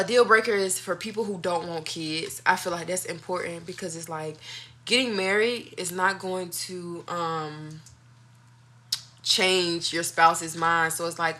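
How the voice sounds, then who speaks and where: A woman's voice: fairly low pitch, sharp tone. A woman talking casually and candidly to viewers as a video host, giving her opinions in informal, slangy speech.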